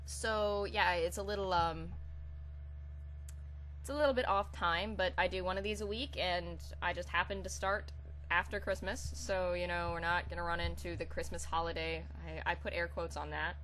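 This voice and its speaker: Her voice sits lowish and fairly bright, with a steady tone and moderate pace. She hosts a comic fan fiction reading, starting with casual chat and moving into dramatic read-aloud storytelling, over a background of hum and hiss.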